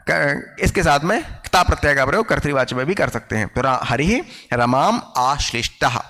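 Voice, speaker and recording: A male teacher giving an online grammar lecture, explaining patiently, often checking whether students follow and slowing down to dictate example sentences. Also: on the high side, lively intonation, creaky, sharp tone, long reverb tail.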